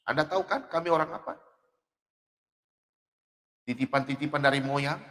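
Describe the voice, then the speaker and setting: A middle-aged man preaching a sermon in an animated way, laughing and at times shouting. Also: fairly high pitch, moderate pace. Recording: long hall reverb.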